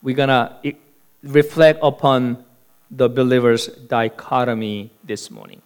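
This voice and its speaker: Slow, clear-voiced male pastor. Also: medium pitch, level tone. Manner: slow, deliberate storytelling. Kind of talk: sermon with a told joke.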